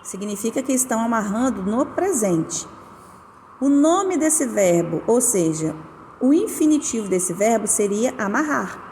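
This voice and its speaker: A woman with a fairly high voice, giving a schoolbook lesson. She explains patiently and draws out stressed syllables. The recording carries a long reverb and faint background noise. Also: big pitch swings, measured pace, a little mellow. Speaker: teacher.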